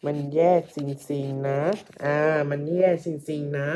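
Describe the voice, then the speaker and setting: A woman's voice: deep voice, steady tone, unhurried, dark tone, a little hiss or hum. A woman teacher giving a patient English lesson, repeating each phrase and translating it for her students. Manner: asks the students questions and calls them kids. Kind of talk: slow classroom English lesson explained in Thai.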